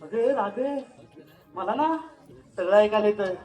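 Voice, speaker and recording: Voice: mid-range voice, measured pace, dark tone, natural voice. An actor playing a cheeky young village milkmaid in a folk stage comedy, snapping orders at the other girls. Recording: distant stage mic with music.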